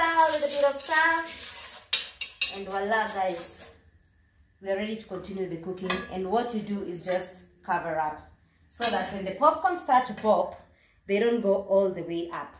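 A woman's voice: mid-range voice, echoey room, background noise. A young woman hosting a casual home cooking vlog, chatting through the steps and slipping Swahili words into her English. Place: home kitchen, indoors.

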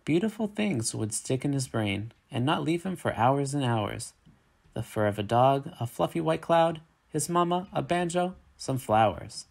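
A man with a gravelly, mid-range voice reads a children's picture book aloud, telling the story expressively and at a measured pace.

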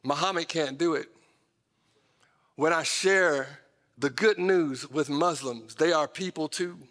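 Taking it slowly, a middle-aged American pastor preaches in a voice that's a little high and a bit bright. His style is emphatic and conversational, speaking straight to the congregation with folksy asides. He's on the stage of a large indoor church auditorium, and the recording has reverberant hall sound.

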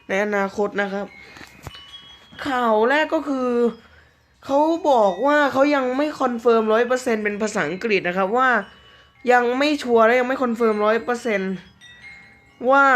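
A man chatting casually through mobile game news, joking around and reading out English slowly word by word. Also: extremely high pitch, fairly bright tone. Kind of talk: casual commentary.

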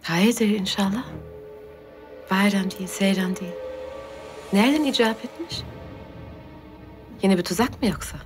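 A woman's voice: mid-range voice, measured pace, long pauses, over music, close to an everyday voice. An actress playing a suspicious, sardonic Ottoman sultana in a period drama. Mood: wary.

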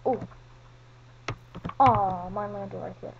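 A woman giving solo video game commentary, chatting at other players and swinging from mumbled asides to excited yelling. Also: mid-range voice, slow pace, creaky, phone-quality sound, background noise. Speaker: gaming commentator. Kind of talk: solo Minecraft gameplay commentary.

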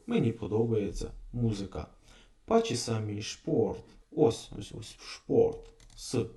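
A man teaching a casual language lesson, repeating phrases slowly and thinking aloud. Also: on the low side, dark tone, echoey room.

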